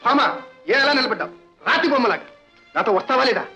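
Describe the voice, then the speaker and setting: An actor playing a proud, angry son-in-law who speaks in an indignant, declamatory way, in a film melodrama. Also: male voice, very high-pitched, expressive, quick pace, sharp tone, faint music behind, exaggerated voice. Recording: dull old film soundtrack.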